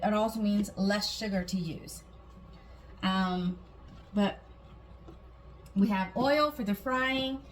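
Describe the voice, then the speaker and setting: The audio is poor as a woman from Guam with a somewhat high voice hosts her casual home cooking demo. She narrates each step and adds small asides, against clear background noise and room ambience.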